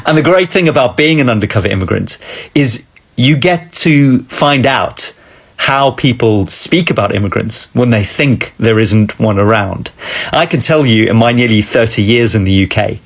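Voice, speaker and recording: Husky South African man, wry and earnest. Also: mid-range voice, moderate pace. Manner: earnest, wry, direct to camera. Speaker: commentator. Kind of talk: casual chat. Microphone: phone camera close up.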